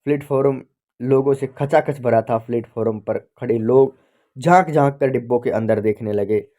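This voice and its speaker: A man teaching literature by reading a short story aloud slowly, pausing to correct and explain himself. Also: mid-range voice, dark tone. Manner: slow, deliberate reading with self-corrections.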